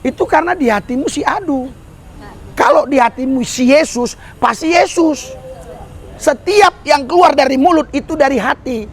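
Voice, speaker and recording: Male street preacher, high voice, exhorting, fond of calling for hallelujahs. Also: normal speed. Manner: exhorting, calls for amen and hallelujah, addresses the crowd as "saudara". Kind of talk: sermon. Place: outdoor service under a bridge.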